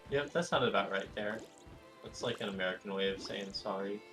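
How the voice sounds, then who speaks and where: A man's voice: on the low side, a little fast, a bit bright. A man chatting casually during a game stream, making dry, teasing remarks. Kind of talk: casual gaming chat. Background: game music.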